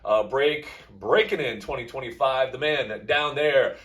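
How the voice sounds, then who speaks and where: A man's voice: mid-range voice, a little slow, fairly bright tone, distant mic. A man hosting a casual wrestling talk show, upbeat, laughing often and using lots of "uh" fillers. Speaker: podcast host.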